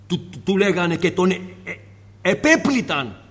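High-voiced impassioned male preacher. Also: very animated, slightly rough, big-room sound. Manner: impassioned, rhetorical questions, sudden drops to soft tone. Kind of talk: sermon.

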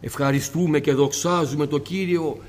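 A male preacher giving an impassioned sermon, firing off rhetorical questions and dropping suddenly to a soft tone. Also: on the high side, steady tone, in a large hall.

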